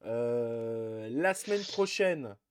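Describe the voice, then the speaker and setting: A man co-hosting a live basketball chat show, relaxed and full of fillers as he runs through rankings. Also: medium pitch, very slow, slight background noise. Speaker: podcast co-host.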